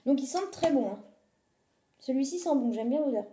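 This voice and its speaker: A woman's voice: high voice, animated, fairly quick, reverberant, background noise. A woman chatting casually through a shopping haul video filmed on a phone at home, with many fillers as she lists prices. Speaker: vlogger showing a shopping haul.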